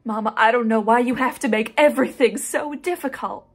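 Woman acting Shelby, a headstrong young daughter, higher-pitched. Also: brisk, breathy edge. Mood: earnest. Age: young adult. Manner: emotional, insistent. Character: headstrong young daughter pleading with her mother. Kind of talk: dramatic audition monologue. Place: small indoor room, plain wall.

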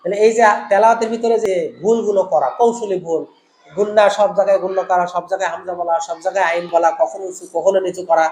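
A man's voice: high-pitched, roomy sound, a little hiss or hum. A man teaching Quran recitation in an online lesson, explaining each rule and chanting short examples.

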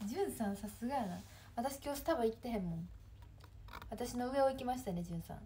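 A woman's voice: on the high side, fast talker, warm tone, slight background noise. A young woman in her twenties with a Kansai accent, chatting casually on her livestream, reading viewer comments and answering them with frequent laughs. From Kansai, Japan. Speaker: livestream host.

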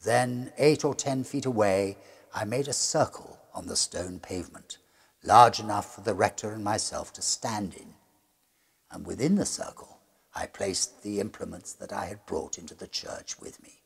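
Narrating a gothic ghost story, this middle-aged man has a fairly low-pitched, husky, gravelly voice. His telling is measured, suspenseful and theatrical.

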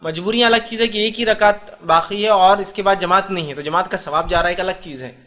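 A man's voice: high-pitched, brisk, bright, forceful tone. A man giving a religious lecture, explaining step by step and asking his listeners rhetorical questions. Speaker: Islamic preacher.

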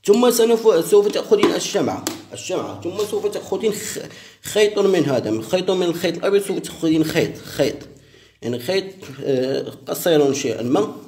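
A man from Morocco talks through a ritual step by step, repeating each phrase slowly as if dictating. His voice sits a little high but sounds mellow and dark. He speaks as a sheikh instructing his listeners. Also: big pitch swings, a little hiss or hum. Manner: slow, repetitive, dictating each word.

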